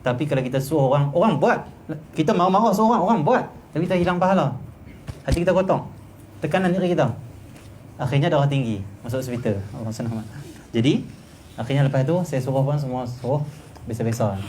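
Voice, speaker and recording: Fast-talking Kedah-accented male religious teacher. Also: a little high, slight background noise. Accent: Kedah Malay. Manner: lively, acts out grumpy people in raised voices. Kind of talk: religious class lecture. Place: private home study class.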